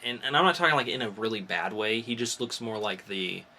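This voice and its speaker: Against slight background noise, a man with a fairly low, bright, forceful voice talks briskly and animatedly. He's a podcast host trading opinions on comics and movie news, informal and mildly profane.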